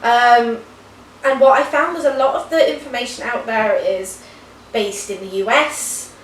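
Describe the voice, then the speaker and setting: A woman's voice: a little high, unhurried. Uk nurse in her thirties chatting, friendly and detailed, a bit far from the mic, echoey. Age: 30s. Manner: friendly, backchannels often, explains with detail. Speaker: co-host, nurse. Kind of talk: casual chat. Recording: roomy, distant camera with faint hiss.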